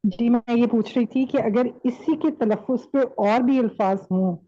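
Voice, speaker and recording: A woman's voice: fairly high pitch, moderate pace, warm tone, no echo, muffled recording. A woman student asking hesitant questions in an online class, often restarting before she gets them out.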